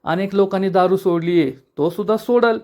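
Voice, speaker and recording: A bold young niece speaks up with confidence and hope. A man reads her in a soap-recap voice, a little high. She sounds sure of herself. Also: moderate pace, darkish tone, close to an everyday voice. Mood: confident.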